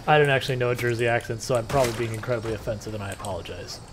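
A man's voice: medium pitch, rapid-fire, background noise. Rambling man chatting while streaming a game. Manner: rambling, joking, conversational. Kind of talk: casual chat while gaming.

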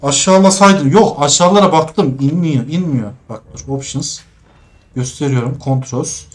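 A young man playing a game and commenting as he goes, cursing and laughing at the controls, muttering quietly while sneaking. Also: on the high side, unhurried. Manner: exasperated, swearing at the game's controls, laughing. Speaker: gaming streamer. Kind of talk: let's play commentary.

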